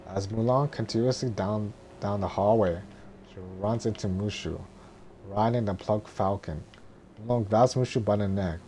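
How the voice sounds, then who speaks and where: Low, mellow man droning through a script. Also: slight background noise. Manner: monotone, droning delivery; halting, stumbling over words. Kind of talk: scripted narration, reading a film script.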